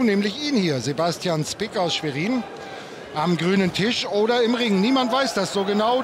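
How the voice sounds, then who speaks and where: A man giving live television commentary on boxing. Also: sits high. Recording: noisy live arena broadcast. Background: arena ambience and noise.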